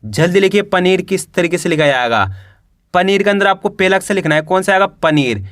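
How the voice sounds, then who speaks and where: A man's voice: high voice, a little fast, fairly bright tone, no room sound, studio quality. A man teaching a beginner reading lesson, sounding out words one syllable at a time and repeating each word with a prompt. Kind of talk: step-by-step phonics lesson.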